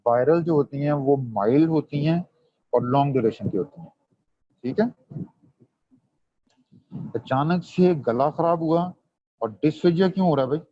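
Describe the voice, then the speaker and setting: A man with a fairly high pitch delivers an online medical revision lecture, quizzing students and blending Hindi with English terms. The audio is dull, dry and lo-fi, with no echo.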